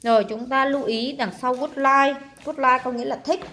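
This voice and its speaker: A woman's voice: sits high, steady tone, moderate pace, bright, forceful tone. A woman teaching, walking through workbook exercises step by step, drawing out words and stressing syllables, with many fillers. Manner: explains step by step with frequent fillers. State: tired. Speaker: English teacher. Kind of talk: workbook lesson walkthrough.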